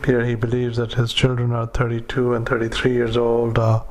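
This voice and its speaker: Male physician, dictaphone recording of clinical notes, utterly flat delivery, frequent hesitations. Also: medium pitch. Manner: flat, halting dictation with many fillers, spells out names. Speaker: doctor. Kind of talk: dictating a medical report into a dictaphone.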